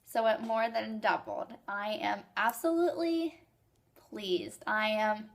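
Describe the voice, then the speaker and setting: A young woman talking casually to her viewers in a rambling, excited and emotional way, with hiccups. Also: mid-range voice, takes it slowly, creaky. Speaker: vlogger sharing fertility journey. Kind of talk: casual vlog.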